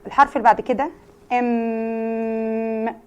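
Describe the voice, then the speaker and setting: A woman with an Egyptian Arabic accent teaching young children English letter sounds, repeating each sound slowly and stressing it loudly. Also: on the high side, clean tone. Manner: animated, sudden loud emphasis. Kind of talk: phonics lesson for young children.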